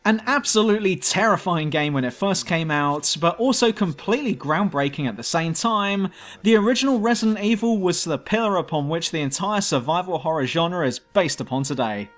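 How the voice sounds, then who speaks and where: A man's voice: high voice, lively intonation, a little fast, a bit bright. A man narrating a scripted video game review as host, blunt and sardonic.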